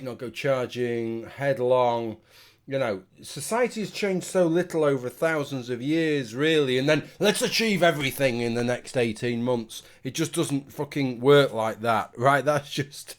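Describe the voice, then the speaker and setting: A British man giving a casual, rambling opinion monologue to his viewers in a tipsy, sweary manner. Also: medium pitch. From United Kingdom. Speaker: video commentator.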